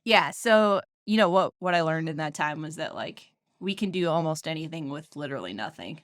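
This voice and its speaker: Low-pitched and fairly quick with lively intonation, this American tech founder in her thirties shares her story on a podcast. She's chatty and self-deprecating, laughing often, and the studio sound is clean with no room sound.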